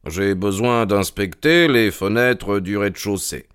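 Audiobook: man playing a keen, methodical detective, slow deliberate questions, crisp voice. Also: lowish voice, a bit bright, dry recording, studio quality. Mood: measured. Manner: measured, inquisitive. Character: sharp, calm male detective, keen and methodical. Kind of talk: audiobook character reading.

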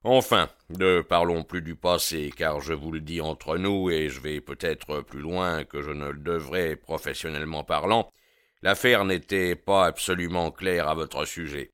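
A man's voice: extremely low pitch, steady tone, unhurried, a bit bright, clean tone, no echo, studio quality. A man voicing a confident, mocking police captain in an audiobook. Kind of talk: audiobook character reading.

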